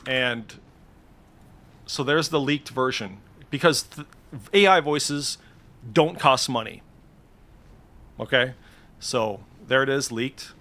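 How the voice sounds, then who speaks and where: A man with a pushed, bright mid-range voice streams a game, giving casual screen-share commentary as he demonstrates add-ons. He's informal and swears freely.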